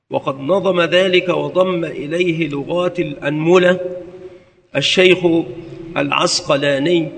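Methodical male teacher, slightly high voice. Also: creaky, a bit bright. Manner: methodical, lists word forms one by one. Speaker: religious teacher. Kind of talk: scholarly lesson on hadith and grammar. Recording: long reverberant echo.

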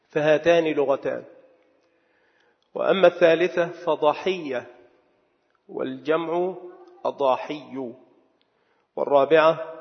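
A man delivering a sermon in a measured, dictating manner, slowly repeating words as if for note-taking. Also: fairly high pitch, gravelly. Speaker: preacher. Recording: dull echoing hall sound.

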